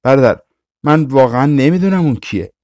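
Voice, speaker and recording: A man's voice: on the low side, a little mellow, dry recording, clean studio sound, close to an everyday voice. A man reading an audiobook voices a meek, kind young brother who speaks hesitantly and fearfully. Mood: frightened.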